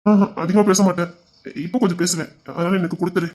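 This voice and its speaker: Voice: medium pitch, level tone, quick pace, darkish tone, natural voice. A voice actor playing a young husband who earnestly confesses his past temper in an audio drama. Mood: teasing. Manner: earnest, confessional, then teasing. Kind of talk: Tamil audio drama acting.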